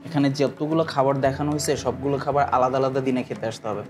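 A woman's voice: extremely low pitch, very fast. A woman with a Bangladeshi Bengali accent, making matter-of-fact remarks on food in a restaurant. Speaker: co-host. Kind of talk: casual food review chat.

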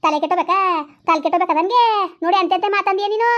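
A woman playing a furious village elder aunt in a comedy skit, cursing and scolding without pause. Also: fairly bright tone, lo-fi sound. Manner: shrill nonstop scolding and cursing.

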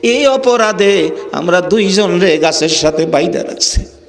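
A preacher doing two wailing hungry children. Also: male voice, lively intonation, vocal fry, exaggerated voice. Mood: pleading, tearful. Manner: high wailing plea, drawn-out calls. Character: two hungry crying little children, pleading.

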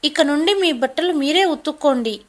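Woman doing a timid teen girl, tearful pleading, high voice, audio story. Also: fairly quick, natural voice. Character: meek 18-year-old girl, hurt and tearful.

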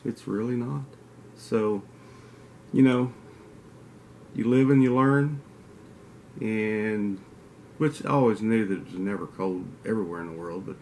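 An outdoors channel host in his forties, with a Kentucky southern drawl, rambles casually to a desk webcam in an indoor den with mounted antlers, trading teasing trash talk. His voice is fairly low and a little mellow, with slight hiss or hum.

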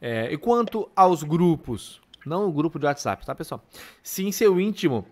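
A man with a slightly raised voice co-hosts a podcast. He reads passages aloud at a measured pace, then slips into easygoing chat. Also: a little high, big pitch swings. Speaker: podcast co-host. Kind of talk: casual chat.

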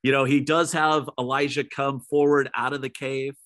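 A man preaching a midweek sermon as pastor, retelling a story and speaking straight to his listeners, who sometimes drops to a soft low voice for emphasis. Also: little pitch movement, normal speed, dry recording.

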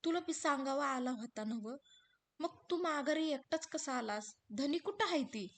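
A woman's voice: high voice, animated, normal speed, voice pushed up. A woman voicing a devoted young village wife in rural Marathi dialect, pleading and raised. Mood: alarmed. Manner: pleading, raised rustic speech.

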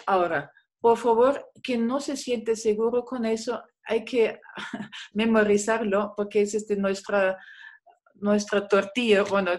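Patient woman teacher. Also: mid-range voice. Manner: patient, explaining step by step with many fillers. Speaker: German teacher. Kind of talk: online class lecture.

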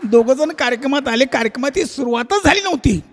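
A man's voice: very high voice, fast talker, background noise. A man from Maharashtra, a comedian and folk performer, telling a funny story on stage and acting out animal voices. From Nanded, Maharashtra. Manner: animated, acts out voices and sounds. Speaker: comedian and shahir. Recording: long stage-hall reverb.

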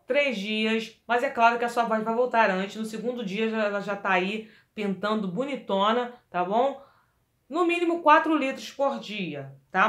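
A woman teaching a singing lesson, coaching her viewers with lively energy and stopping to demonstrate exercises. Her voice sits a little high, and the room gives it a clear echo. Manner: lively, coaching, demonstrates vocal fry sounds. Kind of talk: vocal lesson to camera. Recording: echoey room.

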